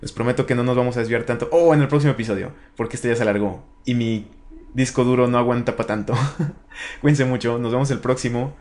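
A man's voice: medium pitch, fairly even intonation, quick pace, darkish tone. A young man with a Mexican accent giving casual let's-play commentary, chatting to his in-game companion and viewers and swearing casually. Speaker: gaming channel host.

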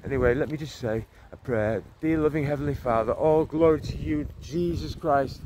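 Holding a phone camera out at arm's length, a man in his forties preaches as he walks through a leafy town street and park for his vlog. He's a street preacher with a slightly high voice at normal speed, earnest and rambling, with lots of restarts and "you know". The recording carries faint street noise and passing cars.

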